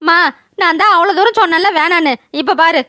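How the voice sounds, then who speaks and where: A woman's voice: very high voice, fairly quick, sharp tone, no room sound. A woman voicing a sulky, sleepy young village daughter in a cartoon, whining and complaining. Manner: whiny, complaining. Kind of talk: cartoon voice acting.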